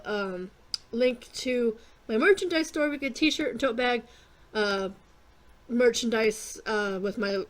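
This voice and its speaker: A woman casually narrating her gameplay, rambling with lots of fillers and casual swearing, clearing her throat and coughing often. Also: fairly high pitch. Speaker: gaming YouTuber.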